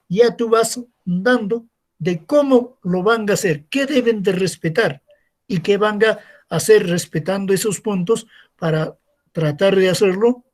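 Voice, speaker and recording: Male teacher, slow delivery, recorded class, step-by-step explanation, rhetorical questions. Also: high-pitched. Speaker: secondary school teacher.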